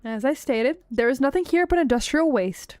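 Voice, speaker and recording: A woman's voice: high voice, lively intonation, normal speed, darkish tone, no echo, clean studio sound, faint music behind. A woman reading the lines of a curt, formal male official in a game story.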